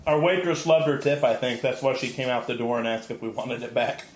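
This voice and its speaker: A man's voice: medium pitch, a little fast. Man, podcast co-host, crude wisecracks, echoey room, faint noise. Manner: wisecracking, crude humor, laughs often. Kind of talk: casual chat.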